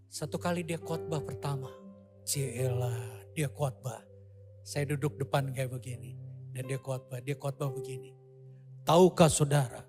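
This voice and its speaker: A man preaching a testimony sermon, telling his story in an animated way and often addressing the congregation. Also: a little high.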